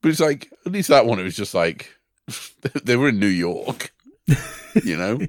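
A man in casual chat as a podcast co-host, with dry, deadpan complaints. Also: mid-range voice, unhurried, no echo.

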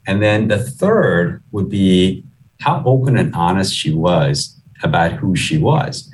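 Speaking slowly and expressively in a low pitch, this middle-aged man is a chief executive being interviewed, and he sounds reflective and conversational. He came to the US from Guyana at age eleven. The low-quality recording places him far from the mic.

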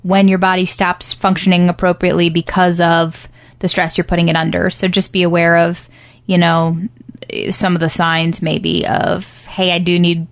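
A woman's voice: lowish voice, level tone, moderate pace, dry recording. A woman co-hosting a show, talking in an easygoing, reassuring, chatty way. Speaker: podcast co-host. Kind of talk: casual chat.

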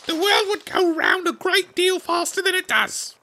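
A man voicing a rude, bad-tempered old noblewoman in a storybook reading, snapping at everyone in a hoarse growl. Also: extremely high pitch, animated, moderate pace, background noise, voice pushed up, heavily acted. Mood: snappish. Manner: rude, barking, sing-song when singing.

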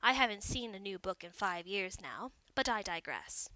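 A woman acts out a smug government advisor who lectures in slow, pointed phrases. The voice is bright and forceful, recorded dry and close, with a storybook reading feel. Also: mid-range voice, big pitch swings, no echo, low-quality recording. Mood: brisk.

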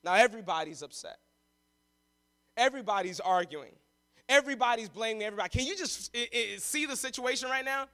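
A man's voice: very high voice, expressive, brisk, bright, forceful tone, smooth. A male pastor preaching a sermon, retelling the story dramatically and acting out the voices of the people in it, with rising intensity.

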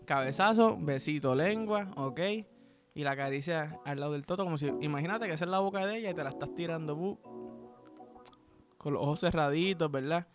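Raunchy Puerto Rican man with a raised pitch. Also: brisk, over music. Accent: Puerto Rican Spanish. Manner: crude, playful, rambling storytelling with slang. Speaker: podcast host. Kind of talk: raunchy comedic monologue.

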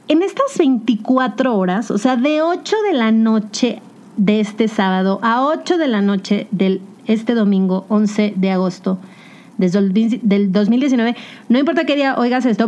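A woman's voice: a little high, highs cut off. Chatty Mexican woman podcaster. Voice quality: chatty, animated storytelling with English slang. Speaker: podcast host. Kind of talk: casual confessional monologue.

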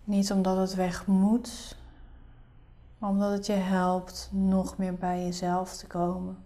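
A woman leading a guided meditation in a soft, breathy, soothing half-whisper. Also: medium pitch, completely flat delivery, slow pace.

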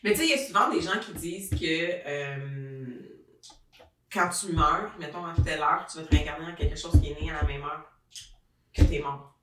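A Québécois woman co-hosts a casual podcast, lively and opinionated, with a bright, forward tone. She sits a bit back from the mic, and the room adds a clear echo. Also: low-pitched, a little fast, far from the mic, a little hiss or hum. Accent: Québécois French. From Canada. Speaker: podcast co-host. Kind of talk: casual chat.

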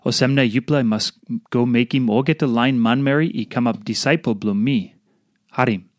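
Male devotional reader, Papua New Guinean accent, speaking Tok Pisin pidgin; mid-pitched, earnest, phrased delivery, dry sound. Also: moderate pace, no room sound. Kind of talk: scripted devotional reading.

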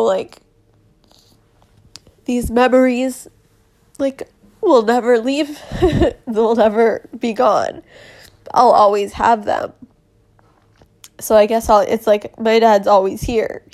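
A young woman speaking in an emotional personal monologue, halting with many fillers and laughing through tears. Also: on the high side, darkish tone.

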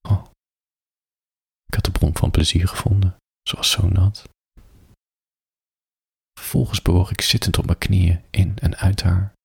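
Deep, husky man reading softly at bedtime. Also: level tone, no room sound, clean studio sound. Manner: soft, slow and intimate, drifting into whispers. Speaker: storyteller reading to listeners. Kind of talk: intimate bedtime story reading.

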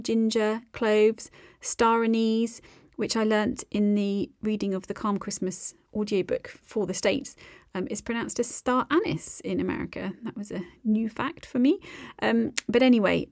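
A woman's voice: mid-range voice, darkish tone, dry recording, clean studio sound. A woman hosting a podcast, talking casually through recipes and tips with plenty of fillers. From United Kingdom. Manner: friendly, chatty, with frequent um and uh fillers. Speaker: podcast host.

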